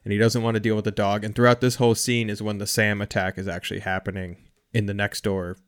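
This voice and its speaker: A man's voice: on the low side, level tone, quick pace, clean tone. A man co-hosting a podcast, chatting casually and enthusiastically about a horror film. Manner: enthusiastic, joking. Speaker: podcast co-host. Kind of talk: casual movie discussion.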